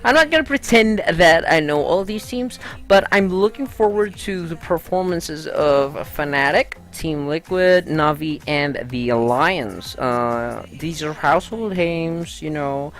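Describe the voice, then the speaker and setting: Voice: mid-range voice, animated, measured pace, few pauses. A gaming vlogger from the Philippines, chatting casually and upbeat through gaming news with frequent "uh" fillers.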